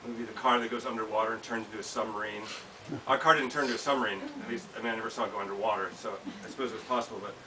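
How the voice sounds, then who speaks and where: In a small indoor bookshop, an American author in his thirties reads his personal essay aloud very fast, in a voice on the low side with fairly even intonation. A crowd can be heard behind him. The camera mic sits several feet away, leaving the recording distant and hissy.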